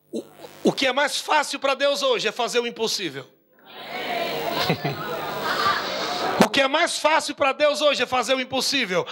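A man preaching a sermon with fervor, laughing often and breaking into shouts. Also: extremely high pitch, background noise. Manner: fervent, laughing, bursts into shouts.

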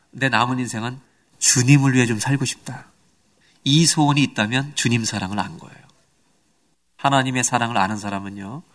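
A middle-aged man preaching a sermon, sometimes dropping to low intimate tones and sometimes rising high to exhort, asking the congregation questions and acting out the voices in scripture. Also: fairly bright tone. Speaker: pastor.

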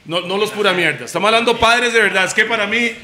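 Animated Costa Rican man telling a story. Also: high-pitched, quick pace. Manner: animated storytelling with slang and sound effects. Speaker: podcast co-host. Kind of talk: casual chat.

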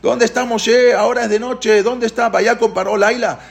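A man voicing a panicked Egyptian king who runs through the streets shouting and pleading. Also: high-pitched, moderate pace, vocal fry, pitched above the performer's own voice.

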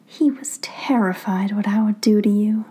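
A woman voicing a sinister male fox spirit in a calm, taunting manner, as whispered role-play in a read-aloud story. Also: medium pitch, moderate pace, breathy edge, natural voice. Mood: calm menace.

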